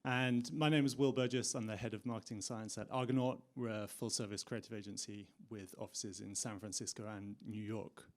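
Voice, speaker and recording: Measured male panel moderator. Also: on the low side, fairly even intonation. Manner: measured, polite questioning. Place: conference stage with audience.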